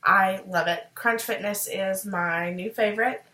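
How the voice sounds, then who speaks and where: A woman chatting upbeat in a casual video diary, fighting off a cold and clearing her throat now and then, with frequent ums. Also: medium pitch, fairly even intonation, measured pace, pushed and bright. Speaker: video diarist. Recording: roomy echo.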